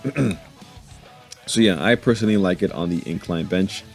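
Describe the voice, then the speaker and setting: A man with a low, deep voice talks through his gym workout in a relaxed, joking way, laughing to himself now and then. Faint music plays under his voice-over. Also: normal speed, vocal fry. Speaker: fitness vlogger narrating his workout. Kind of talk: casual voice-over commentary.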